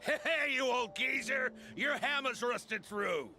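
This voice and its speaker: A man's voice: extremely high pitch, expressive, takes it slowly, exaggerated voice. A man voicing a cranky older townsman in a video game, mocking and sarcastic as he heckles. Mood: mocking, loud. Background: music.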